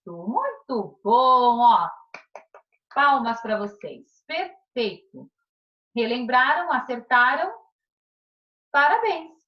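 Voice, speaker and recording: Lively Brazilian woman teacher, slow and encouraging. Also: on the high side, lo-fi sound. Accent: Brazilian Portuguese. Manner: encouraging, drawn-out syllables, frequent "tá?" check-ins. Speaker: primary school teacher. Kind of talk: recorded remote class lesson.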